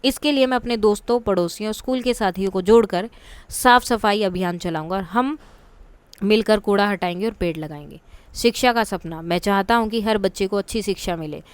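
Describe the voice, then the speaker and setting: A woman's voice: mid-range voice, fairly quick, clear, resonant tone, no room sound. A woman teacher going through a textbook chapter step by step, explaining patiently and checking in with her listeners.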